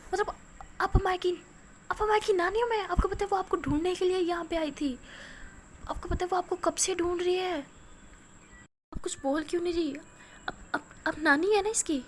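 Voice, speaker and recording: A woman's voice: high-pitched, fairly even intonation, slight background noise, lightly acted. A woman voicing a young college woman who is teasing one moment and pressing hard with questions the next. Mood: pressing, urgent. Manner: teasing and insistent.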